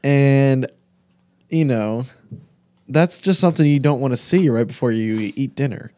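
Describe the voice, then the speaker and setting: Joking young man with a mellow voice. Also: mid-range voice, normal speed. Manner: joking, rambling storyteller with fillers. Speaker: podcast co-host. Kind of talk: casual chat.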